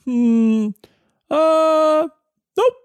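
A man's voice: very high voice, very slow, dry recording. A man narrating a tabletop game casually and informally as game master, peppering it with "like".

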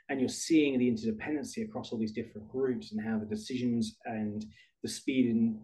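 A British man, a podcast guest, talking through his career in a relaxed, rambling conversational way. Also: mid-range voice, rough recording. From United Kingdom. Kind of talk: conversational interview.

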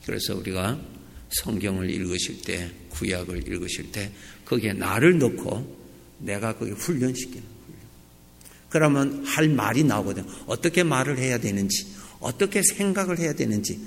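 Gravelly-voiced man preaching with swinging pitch. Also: moderate pace. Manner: lively preaching, rising to emphatic peaks and dropping to soft asides. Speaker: pastor. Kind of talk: sermon. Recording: reverberant church hall.

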